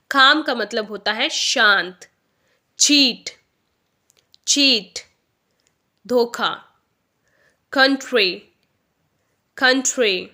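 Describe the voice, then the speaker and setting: A woman leads a vocabulary lesson, her voice bright and a little high. She moves slowly and deliberately, repeating each word with care. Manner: slow, careful word-by-word pronunciation drills. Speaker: English vocabulary teacher.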